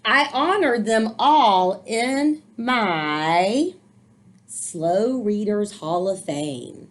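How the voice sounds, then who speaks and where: Very slowly and expressively, in a mid-range voice, a woman reads a picture book to children. She pauses for encouraging remarks and explanations as she goes.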